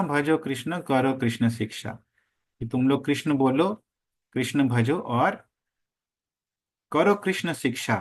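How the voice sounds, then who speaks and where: A man teaching a scripture class, slowly chanting verses and then explaining them line by line. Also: mid-range voice.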